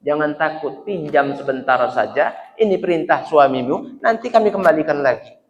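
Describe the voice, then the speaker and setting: A preacher voicing a gentle reassuring man. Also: a little high, animated, moderate pace, dull audio, slight background noise, close to an everyday voice. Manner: soft and reassuring. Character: calm gentle male companion reassuring a woman. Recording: echoey mosque hall reverb.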